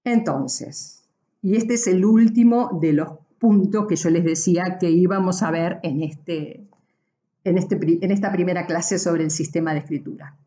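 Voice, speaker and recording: A woman's voice: fairly low pitch, unhurried, warm tone. A woman giving a university class, explaining patiently with frequent tag questions and self-corrections. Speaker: university lecturer. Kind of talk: recorded class lecture.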